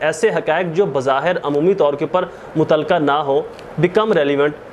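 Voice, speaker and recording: Speaking in a high voice over slight background noise, a Pakistani-accented man explains the law in lecture form. His teaching style is didactic: he repeats himself, asks questions only to answer them, and drops into English legal terminology.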